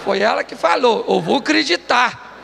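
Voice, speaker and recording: A man's voice: extremely high pitch, expressive, moderate pace, creaky, in a large hall, crowd noise, background noise. A man preaching a humorous sermon as pastor, telling jokes and stories and laughing often. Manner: joking storytelling, laughing often. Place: church stage.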